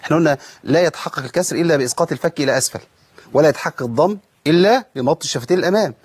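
A man with an Egyptian accent leads a tajweed lesson at a fast clip. His voice sits a little high. He breaks off into slow, drawn-out demonstrations of each sound. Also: breathy edge. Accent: Egyptian Arabic. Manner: explains briskly, then draws out sounds slowly to demonstrate them. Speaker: Quran recitation teacher.

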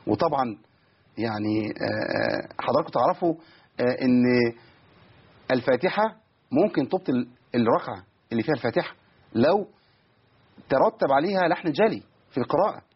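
A man with an Egyptian Arabic accent teaching Quran recitation on a radio call-in, patiently correcting callers and slowly demonstrating pronunciation. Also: mid-range voice, animated, husky. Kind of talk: live radio call-in lesson. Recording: dull lo-fi radio broadcast.

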